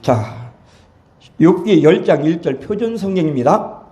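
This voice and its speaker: High-voiced male pastor preaching. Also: expressive, unhurried, warm tone, lo-fi sound. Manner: reads verses aloud, then restates them in plain everyday words. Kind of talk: sermon with scripture reading.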